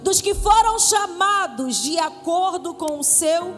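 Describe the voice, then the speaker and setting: A woman pastor with a Brazilian accent preaching a Pentecostal sermon, playful with the congregation and rising to shouts. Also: extremely high pitch, lively intonation, slow. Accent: Brazilian Portuguese. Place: church hall with live congregation. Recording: church hall reverb with faint music.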